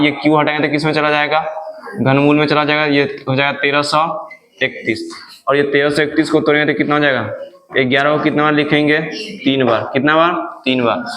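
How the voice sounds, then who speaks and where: A man's voice: a little high, little pitch movement, fairly quick, a bit bright. A male maths teacher, giving a classroom lesson and asking questions he answers himself. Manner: asks questions and answers them himself, repetitive drilling. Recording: echoey room.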